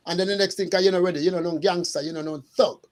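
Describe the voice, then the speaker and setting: A middle-aged man, a school custodian telling lively stories in casual chat and acting out the dialogue. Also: high voice. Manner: animated storyteller, acts out dialogue.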